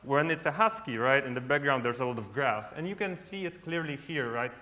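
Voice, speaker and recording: A conference speaker from Poland, with Polish as his first language, talks casually on a large lit stage and often closes sentences with "right?". He speaks a little fast in a mid-range voice with a sharp tone.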